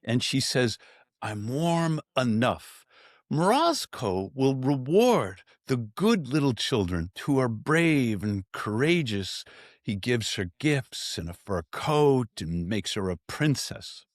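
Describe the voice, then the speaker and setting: A man's voice: medium pitch, takes it slowly, no echo, clean studio sound. A man who founded an ice bath company, telling stories in a podcast interview and acting out the voices of the people he quotes. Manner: animated storyteller, acts out quoted voices.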